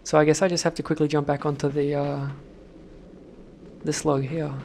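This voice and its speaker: A man commentating gameplay, swearing constantly and shouting at sudden deaths in a noisy home recording. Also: on the high side, flat delivery, moderate pace. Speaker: let's play gamer.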